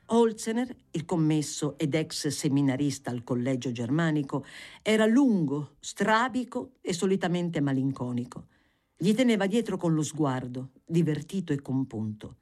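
An audiobook reader narrating a literary novel in an expressive, theatrical way. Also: medium pitch, moderate pace. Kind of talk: scripted reading of a novel.

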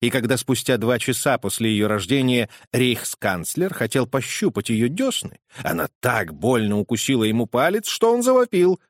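A man reading a storybook aloud in an animated, theatrical style. His pitch swings widely from low to high, at a mid-level register. The sound is close and dry. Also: normal speed, hardly any pauses, dry recording. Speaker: audiobook reader. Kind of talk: expressive storybook narration.

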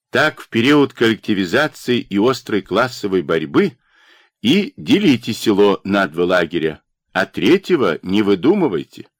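A male reader voicing an arrogant party official in a harsh, curt and mocking manner, with lively pitch in a dry studio recording. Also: dry recording, exaggerated voice. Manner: curt, domineering and sarcastic.

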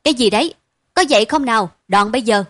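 A woman's voice: a little high, animated, a little fast, no room sound, natural voice. A woman voicing a mild father who scolds without meaning it, in a storybook reading. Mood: mock-stern. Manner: mock-stern, gentle. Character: mild, indulgent young father.

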